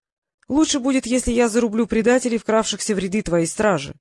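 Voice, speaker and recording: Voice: medium pitch, fairly quick, a little mellow, no echo, clean studio sound, lightly acted. The audiobook narrator voicing a fierce, fawning male advisor eager to cut down his enemies. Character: bloodthirsty male warlord advisor, eager to kill.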